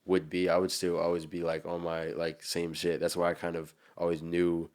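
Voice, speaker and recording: A man's voice: deep voice, completely flat delivery, moderate pace, a little mellow. A man with a New Jersey accent, chatting casually and in a slangy, rambling way as a musician being interviewed.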